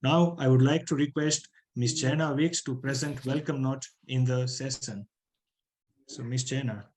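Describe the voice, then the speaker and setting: A man's voice: medium pitch, fairly even intonation, moderate pace, a little mellow, slight background noise, poor audio. A man hosting an online talk, formal in his welcomes and hesitant in places. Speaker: host.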